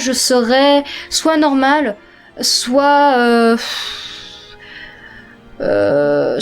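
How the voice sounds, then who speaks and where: A young woman in her late teens, talking casually in a vlog from her bedroom, chatty and hesitant with many fillers. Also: a little high. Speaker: vlogger.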